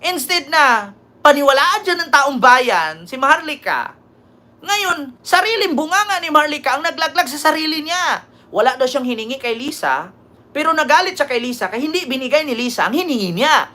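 Commentary host, woman, high sharp voice, sneering tone, keeps turning to the audience for agreement. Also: animated, normal speed. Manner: mocking, keeps asking "di ba?". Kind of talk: political reaction commentary.

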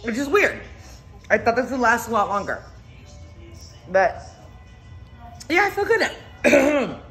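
A woman films herself on a pepper challenge in a casual home video, her mouth burning as she gasps and laughs. Her voice sits high and leaps around a lot. Faint music plays in the background. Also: a little slow. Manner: animated, exclaiming, laughing through the burn. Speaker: vlogger doing a pepper challenge.

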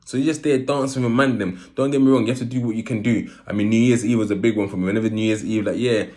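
A man's voice: lowish voice, fairly even intonation, fast talker, darkish tone. A man with an urban London accent and roadman street slang delivery, telling personal stories casually and repeating phrases for emphasis. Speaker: vlogger. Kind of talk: casual personal storytelling to camera.

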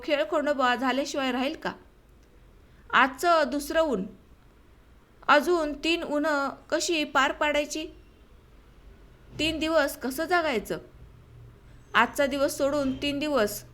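A woman reads a short story aloud for an audiobook in a steady, measured manner. Her voice sits high, and she carries the narration calmly from line to line.

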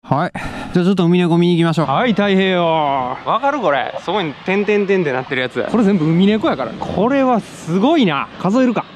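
A man's voice: high voice, animated, fast talker, few pauses, a little hiss or hum. A young man with a Kansai accent chatting and joking to himself while he vlogs outdoors by the sea on an action camera mic. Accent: Kansai Japanese. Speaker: motovlogger. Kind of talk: casual vlog commentary.

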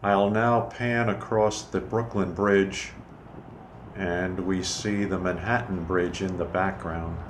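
A man narrating a casual walking tour in a measured, informative way, speaking from behind a handheld camera outdoors on a city pier. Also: sits low, steady tone. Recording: camera audio with clear outdoor noise.

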